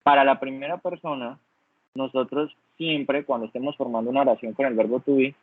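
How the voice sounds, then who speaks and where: A man's voice: medium pitch, steady tone, fairly quick, no echo. A man teaching an English lesson online, patiently explaining step by step and checking in constantly. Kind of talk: online class lecture. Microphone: computer mic on a video call. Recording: dry, phone-like online call audio.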